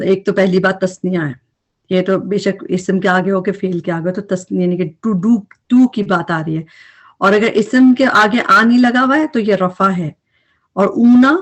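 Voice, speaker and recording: Woman teaching Arabic grammar. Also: mid-range voice. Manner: explains patiently, mixing English terms into Urdu. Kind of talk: recap lesson.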